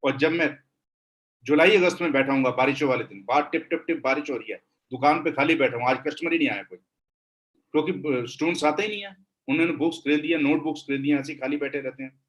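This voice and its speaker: A man with an Indian accent teaching accounting in a classroom lecture, switching between Hindi and English and slowing down to dictate definitions. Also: a little high, a bit bright, rough recording.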